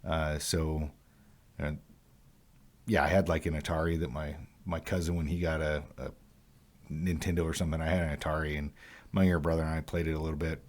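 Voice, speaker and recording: A man from Utah and California co-hosting a casual podcast, talking haltingly and self-deprecatingly with many fillers. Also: rumbling low, a little mellow. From Utah and California, USA. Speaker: podcast co-host.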